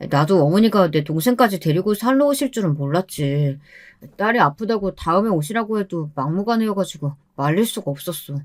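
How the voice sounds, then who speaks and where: A woman's voice: lowish voice, lively intonation, a little fast, close to an everyday voice. A woman voicing a sheepish young husband who speaks in a hesitant, apologetic way in a story reading.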